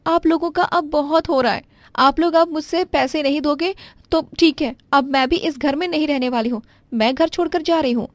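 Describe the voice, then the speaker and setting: A woman voicing a scheming young wife who lies and stammers out excuses in a high voice. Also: measured pace, no room sound. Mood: defiant. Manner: high, pleading, fibbing with stammers.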